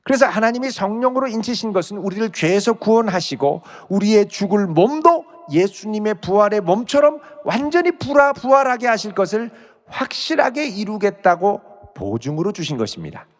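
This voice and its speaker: A male pastor giving an expository sermon, reading scripture aloud and explaining it verse by verse. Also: high-pitched. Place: church sanctuary. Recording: church sanctuary with long reverb.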